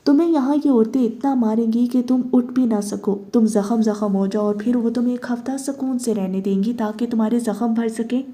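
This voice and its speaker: Woman reading a calm, cruel avenging man, mellow dark tone. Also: on the high side, natural voice. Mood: cold menace. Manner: cold, measured, cruel. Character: cold vengeful husband, grown man.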